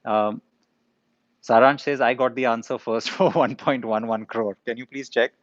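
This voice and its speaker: A man's voice: mid-range voice, steady tone, normal speed, dry recording, muffled recording. A middle-aged man, answering viewers' questions in a live session, conversational with frequent ums and uhs. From India. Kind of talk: live Q&A, casual explanation.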